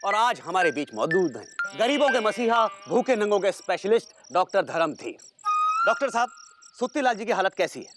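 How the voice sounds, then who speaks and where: An actor playing a hammy TV news reporter with dramatic anchor-style delivery, over loud background music. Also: male voice, high-pitched, big pitch swings, fairly quick.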